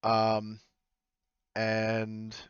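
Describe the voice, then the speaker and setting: On an online voice call, a man acts as game master for a tabletop game, narrating casually in a lowish voice that is completely flat and smooth. He's hesitant and halting, often correcting himself, and the recording is dry and muffled.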